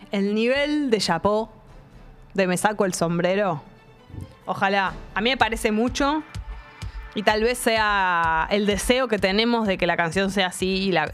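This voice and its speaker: A woman with a Buenos Aires accent co-hosting a podcast, chatting casually and reading news headlines with quick asides and fillers. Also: medium pitch, a bit bright. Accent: Buenos Aires porteño Spanish. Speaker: podcast co-host.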